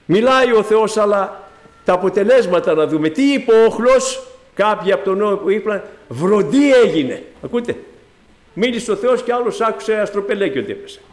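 A man delivers a sermon in a fairly high voice. He preaches emphatically, climbing to loud exclamations and then sinking low to address his listeners. He mixes in dry, ironic, mocking asides.

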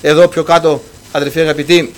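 A man preaching a sermon, addressing his listeners as brothers and reading scripture aloud, swinging between loud proclamation and hushed speech. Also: on the high side, level tone.

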